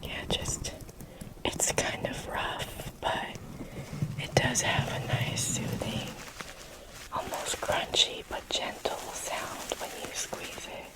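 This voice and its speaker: Slow, softly whispering woman. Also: poor audio. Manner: soft, unvoiced whisper throughout; soothing, caring, speaks to the listener as a friend. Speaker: ASMR creator. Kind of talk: ASMR whispered roleplay.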